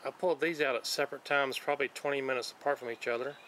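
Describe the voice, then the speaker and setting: A man hosting his own channel, calmly walking through the items he found one by one in casual show-and-tell narration, recorded outdoors on a dock. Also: mid-range voice, slight background noise. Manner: plain, unhurried, listing items one by one. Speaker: channel host showing magnet fishing finds. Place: outdoors on a wooden dock by a lake.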